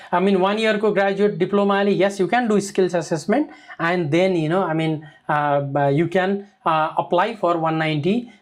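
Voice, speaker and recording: A high-pitched man who speaks Nepali as his first language talks in rapid-fire bursts as a migration advisor answering viewer comments in a live Q&A. He code-switches, leans heavily on fillers, and keeps checking in with things like "okay?".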